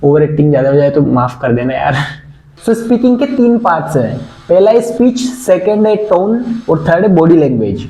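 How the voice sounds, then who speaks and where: A man's voice: a little high, sing-song, normal speed, mellow. A young man teaching a casual online communication skills class, chatty and earnest, mixing English words into his speech. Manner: chatty, pleading, mixes English words into Hindi. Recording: echoey room.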